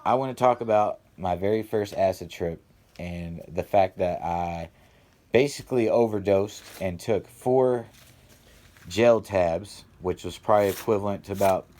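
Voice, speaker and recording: A man's voice: deep voice, dark tone. A young adult man telling a rambling, profane story about a personal experience in casual vlog fashion. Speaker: vlogger.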